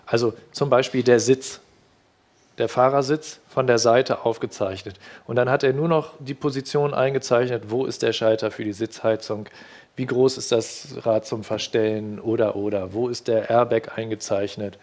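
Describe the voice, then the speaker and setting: A man's voice: mid-range voice, fairly even intonation, normal speed, a little mellow. Middle-aged man, hesitant studio guest on a headset mic, lots of fillers and restarts. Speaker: reporter recounting a car fair visit. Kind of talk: studio discussion.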